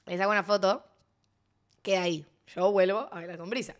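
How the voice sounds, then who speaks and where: A young woman with a Rioplatense Spanish accent chats casually with her stream viewers, speaking briskly at medium pitch in a steady tone. She tells a story punctuated by laughter and sudden exclamations.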